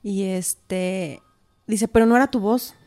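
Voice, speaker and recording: A woman's voice: mid-range voice, slow pace. A woman, a podcast guest telling a personal story in casual talk, acting out what others said. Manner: animated, acts out quoted dialogue.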